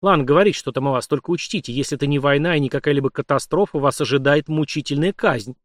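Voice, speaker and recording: A man's voice: on the high side, fast, no echo, clean studio sound, lightly acted. A man doing a grumbling, hot-tempered emperor. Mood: gruff, sardonic. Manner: grumbling, bursts into roaring. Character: hot-tempered blustering middle-aged emperor.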